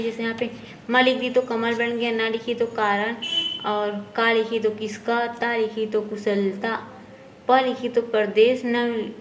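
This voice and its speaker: Woman teacher, textbook lesson, patient and unhurried, slightly high voice, faint background noise. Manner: slow, explanatory, often asks and answers herself.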